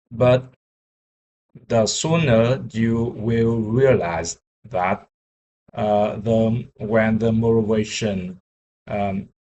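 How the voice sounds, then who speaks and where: A young man, a software engineer learning English, talking casually in a vlog, halting with many fillers and restarts. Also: fairly low pitch, slight background noise, poor audio.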